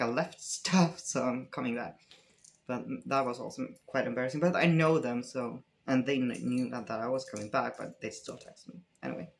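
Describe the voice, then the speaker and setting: A young man from Sweden with a Swedish accent, answering fan questions in a relaxed, rambling vlog chat. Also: medium pitch. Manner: relaxed, rambling, many fillers and restarts. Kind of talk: casual Q&A chat.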